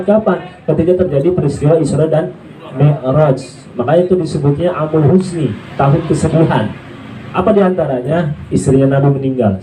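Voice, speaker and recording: A man's voice: mid-range voice, mellow. A man giving an informal sermon as a religious teacher, asking questions and answering them himself. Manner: conversational, asks and answers his own questions. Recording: echoey room from far off, noisy.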